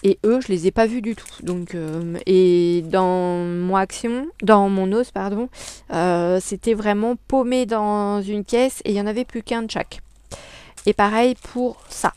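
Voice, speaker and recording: A woman's voice: medium pitch, steady tone, measured pace, mellow, clean tone, dry recording. A woman chatting casually in a crafting haul vlog, hesitating often with many fillers. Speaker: crafting vlogger. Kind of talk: casual haul video chat.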